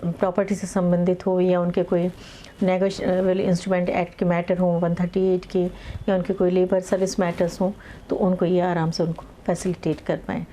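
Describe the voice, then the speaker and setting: A middle-aged woman lawyer explaining a project in an interview, speaking in a measured way with many pauses and English legal terms. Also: on the low side, level tone, dark tone, a little hiss or hum.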